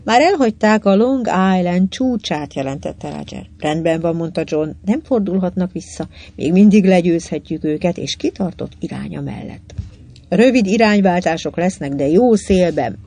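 An audiobook reader giving scripted narration in an even, measured way, lightly voicing the dialogue. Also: medium pitch.

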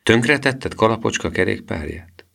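A man voicing a gentle, worried mother in an audiobook reading. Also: lowish voice, animated, vocal fry, voice pushed up, exaggerated voice.

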